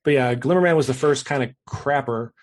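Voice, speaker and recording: A man's voice: medium pitch, brisk. Forties guy hosting a podcast, laid back, chuckles a lot. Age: 40s. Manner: easygoing, laughs often. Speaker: podcast host. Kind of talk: casual chat.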